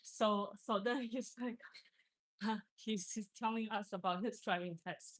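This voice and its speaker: A woman's voice: mid-range voice, unhurried, dry recording, clean studio sound. A woman in casual chat, telling a story and mimicking the people she quotes.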